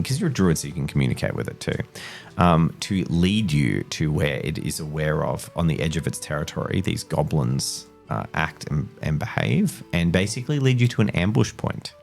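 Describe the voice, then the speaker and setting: A man's voice: low-pitched, gravelly. A man running a tabletop game as game master, casually narrating and often stopping to correct himself. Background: music.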